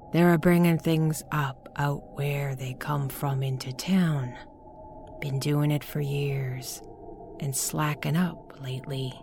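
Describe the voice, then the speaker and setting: A woman voices a frantic, half-mad old woman who talks in a rustic old-timer dialect, lurching between shouts and hoarse whispers. Her voice sits low, and there's a slight hiss or hum.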